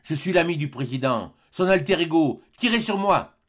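A man's voice: on the high side, expressive, normal speed, fairly bright tone. A man reading a storybook aloud, voicing a loyal, blunt male friend who speaks with urgent emphasis.

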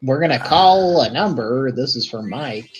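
A man co-hosting a live stream, wry and sarcastic, halting as he talks. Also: mid-range voice, animated, muffled recording, slight background noise. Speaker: co-host. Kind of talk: casual chat on a live stream.

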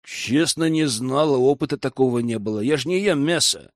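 A man's voice: mid-range voice, normal speed, no room sound, studio quality, natural voice. A man doing a timid, anxious young witch. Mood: calm. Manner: anxious, apologetic. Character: timid young witch student in a man's body. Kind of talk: audiobook character voice.

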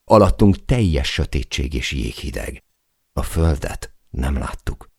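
An audiobook narrator, male, reads scripted narration in a dramatic style and shouts out the quoted cries. His voice is extremely low and creaky with a breathy edge and big swings in pitch. The recording is dry, made close to the mic in a studio.

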